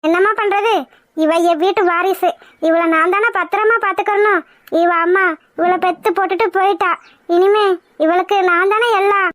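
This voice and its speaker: A woman's voice: very high voice, steady tone, normal speed, fairly bright tone, dry recording, clean studio sound. A woman voicing a fussing old grandmother. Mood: fretful. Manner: scolding, fretful. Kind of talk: village cartoon voice acting.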